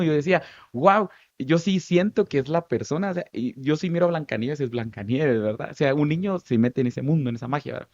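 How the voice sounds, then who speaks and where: A Guatemalan man in his thirties, a stage actor, telling lively stories from his life in an interview, with a Guatemalan Spanish accent. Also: medium pitch, no echo, dull audio. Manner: animated, lively storytelling with many asides. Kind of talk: storytelling interview answers.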